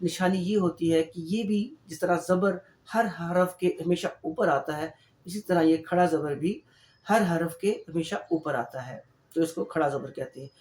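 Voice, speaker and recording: A man teaching Quran reading in an online lesson. He explains step by step and repeats syllables slowly and patiently. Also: fairly high pitch, darkish tone, echoey room. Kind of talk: online lesson, slow drilled letter sounds.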